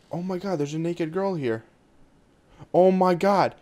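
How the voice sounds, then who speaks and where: Man, host of a gaming session, slightly high voice, casual chat, talks friends through the controls. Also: unhurried, darkish tone, no room sound. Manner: guides the others through the controls, often with "um". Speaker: host of a multiplayer game session.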